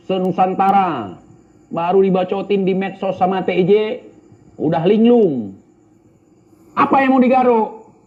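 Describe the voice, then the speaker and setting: Brash, mocking Indonesian man, high voice. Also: dark tone, muffled recording. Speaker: YouTuber answering viewer comments. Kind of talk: casual banter reading comments.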